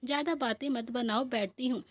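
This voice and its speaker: A cautious young teacher, firm and a little fussy, read by a woman. Her voice sits a touch high and stays plain and measured, as in a read-aloud family story. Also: steady tone, no echo, close to an everyday voice. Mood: gentle.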